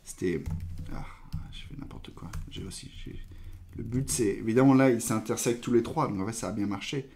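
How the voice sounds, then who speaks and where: A man's voice: lowish voice, a little fast, a little mellow, slight background noise. A man hosting a live coding stream, thinking aloud with hesitations and trailing phrases while he tests code and reads viewer questions.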